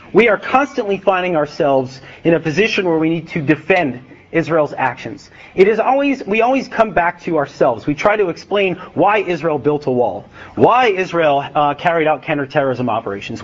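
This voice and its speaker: An American man giving a relaxed talk as an author, with many fillers and acted-out dialogue. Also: on the high side, lo-fi sound. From United States. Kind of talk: public talk with a joke. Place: event hall with a live audience.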